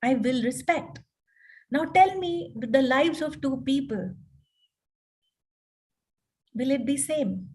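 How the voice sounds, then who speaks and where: A woman's voice: high-pitched, sing-song, slow, long pauses, a little mellow. A woman coach and counselor explaining healing in an online panel talk, often checking in with tag questions.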